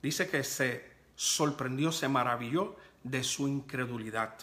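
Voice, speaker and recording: A man preaching a sermon as a pastor, reading scripture slowly with emphasis and often asking his listeners "¿verdad?". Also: medium pitch, bright, forceful tone. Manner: emphatic, slows to stress scripture, asks "¿verdad?".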